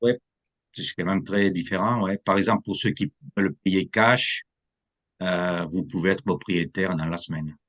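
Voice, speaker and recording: A man's voice: deep voice, normal speed, a bit bright. A man who is a real estate agent, from France, explaining the buying process in an interview and slipping English terms into his talk. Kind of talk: interview answers.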